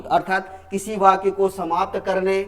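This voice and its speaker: A man's voice: high-pitched, level tone, slow pace. A man teaching a grammar lesson to students, often repeating himself and asking them questions he then answers. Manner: repeats and asks the class questions.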